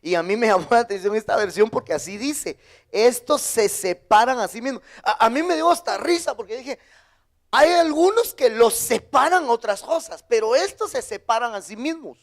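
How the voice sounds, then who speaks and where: A Guatemalan man preaching a sermon as pastor, lively, with sudden high emphatic bursts. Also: normal speed. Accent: Guatemalan Spanish.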